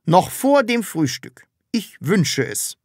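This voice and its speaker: A woman's voice: lowish voice, very animated, moderate pace, no echo, clean studio sound, pitched above the performer's own voice. A woman voicing a timid, earnest grown man in an audiobook, talking in a way that is easily flustered. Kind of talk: audiobook character reading.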